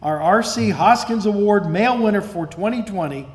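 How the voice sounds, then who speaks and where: A man presenting at an awards lunch reads each citation in a measured, formal way, with his voice sitting a touch high. Now and then he pauses to find his words. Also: slightly rough. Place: event hall at a lunch.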